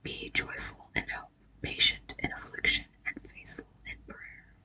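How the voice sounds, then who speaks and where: A person giving a whispered ASMR pep talk of affirmations and scripture, breathy, casual and halting, with gentle reassurance. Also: rough recording. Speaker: ASMR creator.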